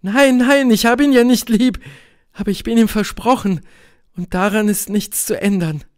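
A man's voice: sits high, measured pace, a little mellow, voice pushed up. A man reading an audiobook, voicing a troubled young woman who is bound by duty, pleading and tense.

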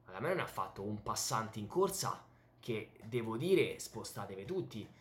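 A young man with an Italian accent giving an excited, emphatic, casual sports recap to camera in a home room. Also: on the low side, moderate pace. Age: young adult. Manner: excited, animated, emphatic with repeated words. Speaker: YouTube tennis commentator and host. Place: small home bedroom, indoors. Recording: roomy, echoey home room.

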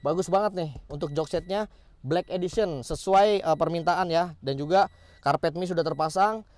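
A man's voice: on the high side, normal speed, a little mellow. A man giving a casual, enthusiastic walkaround of a modified car, showing off each upgrade and repeating his praise. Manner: enthusiastic, repeats "keren banget nih" and "teman-teman". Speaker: car workshop vlogger.

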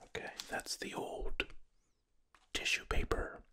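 A young man whispering softly and unhurriedly into a close microphone as he hosts a finger-tapping ASMR video. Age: young adult. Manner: soft whispering, unhurried asides. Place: small dim bedroom studio, indoors. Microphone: close desktop microphone.

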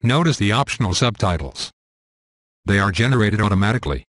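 A synthetic male narrator with a robotic text-to-speech quality and a fairly low pitch. He reads scripted material with crisp, formal diction, and the sound is close and dry without room reflections. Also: animated, brisk, a bit bright, dry recording.

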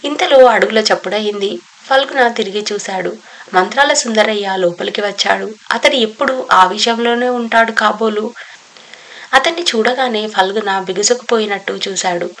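A woman narrating a novel as an audiobook, with steady, even storytelling. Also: mid-range voice, moderate pace, rough recording.

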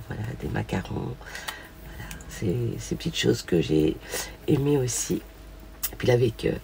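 Older female craft vlogger with a hoarse, gravelly voice and a chatty, gushing manner, recorded at home with a noisy track and clicks. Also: a bass voice, warm tone. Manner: chatty, gushing, frequent fillers. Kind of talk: casual show-and-tell haul.

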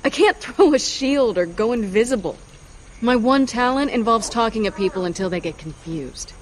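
An actress playing a sarcastic, quick-witted young woman in a video game, dry and flippant. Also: fairly high pitch, lively intonation, close to an everyday voice.

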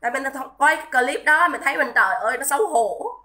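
A woman's voice: high voice, animated, fast, pushed and bright. A woman, ranting on a livestream in a scolding, indignant, repetitive way and greeting viewers between tirades. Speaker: livestream commentator. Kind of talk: livestream rant.

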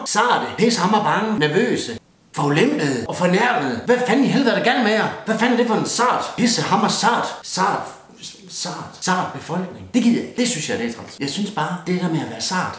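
A man's voice: fairly high pitch, fairly bright tone, reverberant. A young man with a Jutlandic Danish accent ranting crudely and bluntly through a mock New Year's speech, cursing constantly and raising his beer. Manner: swears constantly, blunt and rowdy, toasts with a beer. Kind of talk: crude comic rant.

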